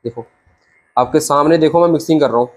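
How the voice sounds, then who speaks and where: A young barber in a small shop teaches a haircut step by step to camera on a clip-on lapel mic, chatty and brotherly and constantly saying "theek hai". He talks fast in a fairly high, slightly mellow voice.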